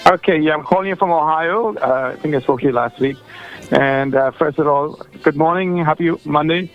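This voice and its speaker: A man with a Trinidadian accent and a higher-than-average voice calls in to a radio show, chatting casually at normal speed. He rambles with lots of fillers and restarts over soft background music, and the phone line sounds dull and lo-fi.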